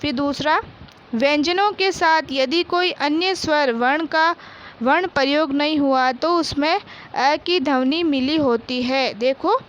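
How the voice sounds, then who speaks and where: A woman teacher with a Rajasthani Hindi accent gives a primary-school Hindi lesson, slow and patient, reading each word twice for her pupils and asking questions she then answers herself. Her voice sits high with a fairly bright tone. The audio is dull, with a little hiss or hum.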